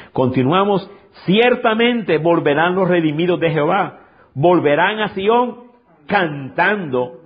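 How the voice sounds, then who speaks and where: Male pastor preaching, higher voice, fiery then hushed, muffled lo-fi audio. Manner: impassioned, swings from high shouted peaks to low intimate tones. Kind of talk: sermon. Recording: dull lo-fi sound.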